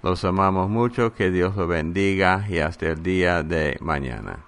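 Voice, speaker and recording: Low, gravelly male devotional host. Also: fairly bright tone. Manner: reads out phone numbers in measured groups. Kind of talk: program sign-off announcement. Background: music.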